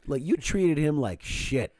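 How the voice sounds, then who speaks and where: A man's voice: fairly high pitch, measured pace, no echo, studio quality. A man co-hosting a casual podcast, rambling and profane as he tells stories and clicks through things. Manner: profane, rambling, animated storytelling. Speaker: podcast co-host. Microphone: desk mic with cameras.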